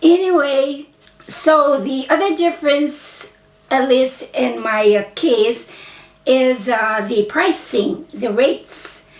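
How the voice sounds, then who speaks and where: A woman with a Filipino accent talks casually to her viewers in a slow, meandering way, often stopping to correct herself. Her voice sits a little high. She sounds distant from the mic in a reverberant room. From Philippines. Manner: chatty, rambling, frequent self-corrections. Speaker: vlogger and English teacher. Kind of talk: casual chat to camera. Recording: roomy, voice from a distance.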